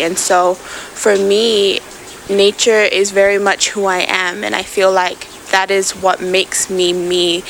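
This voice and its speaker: A woman's voice: lowish voice, gravelly, slight background noise, low-quality recording. A young woman from Samoa speaks earnestly and thoughtfully in a conversational interview. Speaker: interview guest, climate activist.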